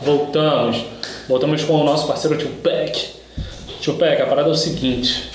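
A man, speaking in a fairly high voice, tells stories in a casual podcast chat and laughs often. The room is very echoey, and a faint hiss sits under the voice. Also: normal speed. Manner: animated storytelling, laughs often. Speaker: podcast host.

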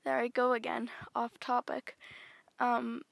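A teenage girl musing aloud on her solo podcast, her slightly high voice unhurried and meandering, full of little fillers and restarts. She sits very close to the mic, and the recording is dry with no room sound. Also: monotone, gravelly, no echo. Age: teens. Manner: rambling, chatty, many fillers and self-corrections. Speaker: podcast host. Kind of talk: casual solo podcast monologue. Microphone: close microphone.

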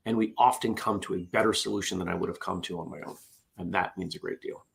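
A man's voice: sits low, fairly even intonation, quick pace, gravelly, a bit bright. A middle-aged man hosts a casual morning show, chatty and self-deprecating as he reads out corny puns. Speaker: host. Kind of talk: casual morning show chat, reading jokes.

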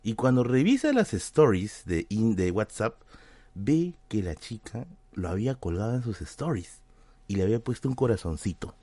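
A Peruvian man spins a casual anecdote for his stream chat, his pitch swinging up and down as he talks. His delivery is slangy and chatty, full of little check-ins to the audience. The sound is dry and close, with no room around it. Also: big pitch swings, normal speed, dark tone, dry recording. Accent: Peruvian Spanish. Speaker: livestream host.

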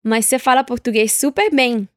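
A woman's voice: on the high side, normal speed, no room sound, clean studio sound. Patient woman teaching Portuguese. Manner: patient, prompts the listener to repeat and answer. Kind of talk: audio language lesson.

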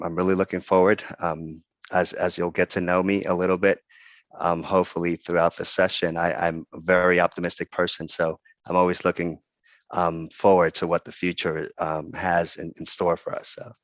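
A middle-aged man from the Dominican Republic, a guest in a casual interview, talking earnestly and haltingly with many pauses and restarts. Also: low voice, dry recording.

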